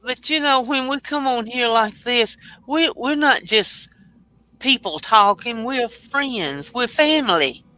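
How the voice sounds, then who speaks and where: A woman's voice: fairly high pitch, animated, slow pace, bright, forceful tone, poor audio. A woman, talking casually as a regular on a panel. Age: 80s. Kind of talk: casual chat.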